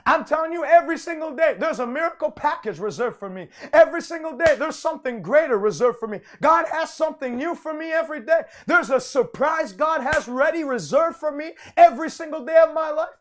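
A man's voice: very high-pitched, brisk, hardly any pauses, a little hiss or hum. Fervent preacher man declaring with emphasis. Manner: repeats and restarts phrases. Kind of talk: broadcast sermon, conversational.

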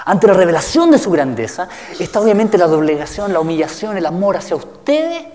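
A man's voice: high voice, big pitch swings, brisk, dark tone, slight background noise. A male pastor giving a teaching sermon, reading scripture aloud and asking the listeners questions. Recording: reverberant hall.

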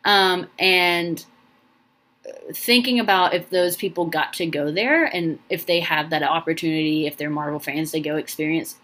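A woman's voice: low-pitched, moderate pace, fairly bright tone. A young woman hosting a casual solo podcast, rambling and heartfelt, full of ums and restarts, sounding emotional and close to tears. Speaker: podcast host.

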